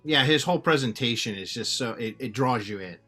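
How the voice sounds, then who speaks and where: A man co-hosting a music talk show, recounting at length with hesitant, halting phrasing. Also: medium pitch, expressive. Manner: hesitant, many fillers and restarts while recounting. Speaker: podcast co-host. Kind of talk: casual chat.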